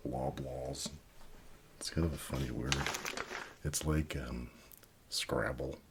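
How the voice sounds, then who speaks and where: A middle-aged man doing soft-spoken ASMR, musing aloud in a near whisper with pauses, over crinkling paper. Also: extremely low pitch, creaky. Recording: steady noise, paper crinkling and clicks. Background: newspaper crinkling and page turning.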